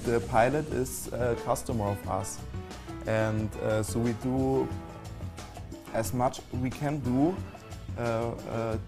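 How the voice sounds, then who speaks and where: Halting man over music. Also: medium pitch, steady tone, creaky. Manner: halting, many fillers. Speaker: private jet handling staff. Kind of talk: interview answers.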